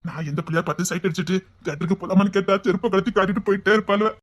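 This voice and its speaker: A woman voicing a shy, tender young man with a Tirunelveli accent, who stammers and apologizes in a husky voice. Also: medium pitch, racing, close to an everyday voice. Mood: joyful, teasing. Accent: Tirunelveli Tamil. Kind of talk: web-series drama acting.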